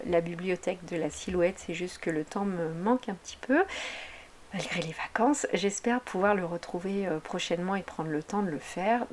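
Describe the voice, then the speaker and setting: A woman's voice: mid-range voice, darkish tone, a little hiss or hum. A woman talking casually over her craft video, chatty and meandering, often correcting herself mid-sentence. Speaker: craft vlogger.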